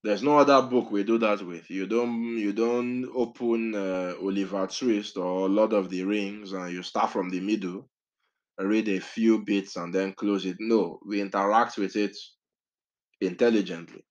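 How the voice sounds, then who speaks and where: Male Bible teacher, low voice, chatty and digressive delivery. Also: steady tone, a little slow, lo-fi sound. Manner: conversational, self-correcting, digressive.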